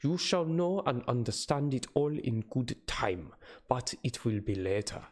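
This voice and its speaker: A man's voice: mid-range voice, big pitch swings, a little slow, a little mellow. A man voicing a grave, anxious elderly professor in a hammy dramatic reading of a storybook. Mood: grave, reassuring.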